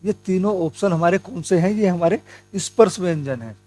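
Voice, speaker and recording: Brisk and darkish in tone, a young man with a fairly high voice teaches Hindi grammar for exam prep. He speaks to viewers as friends, working through the material step by step while posing and answering his own questions.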